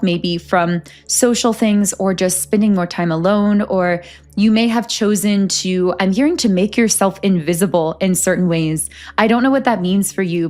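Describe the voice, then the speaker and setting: A woman reading tarot for her channel, speaking in an earnest, flowing way with a medium-pitched voice. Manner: earnest, flowing, self-aware of speaking fast. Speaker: tarot reader. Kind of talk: spiritual channeling monologue.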